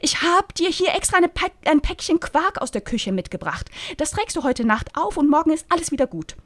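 A woman voicing a chirpy, pushy, over-friendly woman while reading aloud from a novel, with shrill gushing calls. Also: big pitch swings, brisk, no room sound, clean studio sound.

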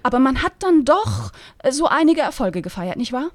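A woman voicing an aging, haughty stage diva while reading aloud from a novel, in a sonorous, drawn-out theatrical manner. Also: high voice, sing-song, no room sound, voice pushed up. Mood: grand.

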